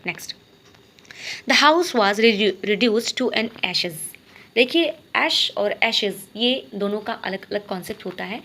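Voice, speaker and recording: A woman teaching an exam-prep grammar lesson. She reads each sentence slowly, then explains it quickly and checks with "ok?". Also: medium pitch, sharp tone, a little hiss or hum.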